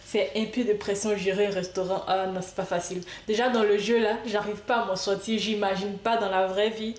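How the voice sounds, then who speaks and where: A woman chats her way through a game in a playful, talkative manner, addressing the on-screen customers as if she were really serving them. Her voice sits at a middling pitch, and the recording carries a noticeable room echo. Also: steady tone, fairly quick. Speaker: gaming video creator. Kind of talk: casual gameplay commentary. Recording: echoey room.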